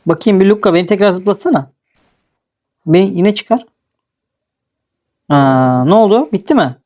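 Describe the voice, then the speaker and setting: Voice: medium pitch, lively intonation, normal speed, darkish tone, highs cut off. A young adult host casually commenting on a game he is playing, teasing and laughing often. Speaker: gaming video host.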